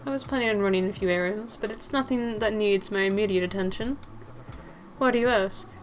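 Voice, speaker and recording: A woman voicing a gentle, courteous man in a put-on British accent. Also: mid-range voice, a little hiss or hum, lightly acted. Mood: kind. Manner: soft-spoken, courteous, measured.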